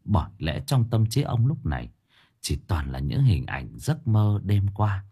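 A man narrating a spooky audiobook story in an expressive, vivid way. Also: lowish voice, a little slow, husky. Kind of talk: dramatic horror story narration.

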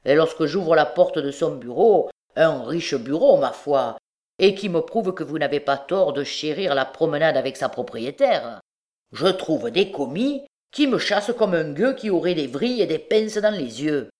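A brazen male beggar full of mock humility and sly insolence, as a woman reading an audiobook puts him on. He sneers and needles, pushing his words out loud and low. The voice sits deep for a woman. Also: expressive, moderate pace. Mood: insolent.

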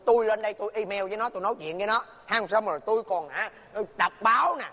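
A man's voice: high voice, fast talker, bright, forceful tone, big-room sound, full character voice. A man playing a whiny henpecked old husband. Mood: pleading. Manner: pleading, whining complaints.

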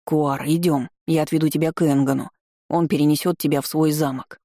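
A timid little dragon speaks slowly and nervously, as a storyteller puts him on. The voice is warm and mellow. It is recorded close and dry for an audiobook reading. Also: medium pitch, fairly even intonation, dry recording, lightly acted. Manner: timid, slow. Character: timid slow little male pet dragon.

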